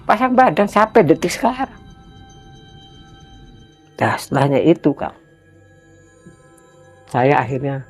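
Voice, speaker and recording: Speaking in a medium-pitched voice, a Cirebon native from West Java, Indonesia shares a personal story during a relaxed interview. He is sincere and forceful, often stopping short and repeating himself, and his voice leaps upward whenever he becomes indignant.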